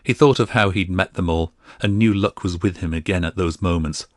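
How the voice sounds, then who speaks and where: A man narrating a fantasy audiobook in a steady, even storytelling manner. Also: low voice, brisk, no room sound, studio quality. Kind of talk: scripted narration.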